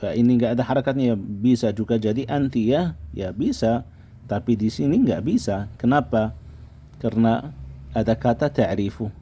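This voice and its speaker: A man's voice: medium pitch, moderate pace, mellow, slightly rough. A man teaching a language lesson, patiently repeating words and explaining them to his viewers. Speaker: Arabic teacher.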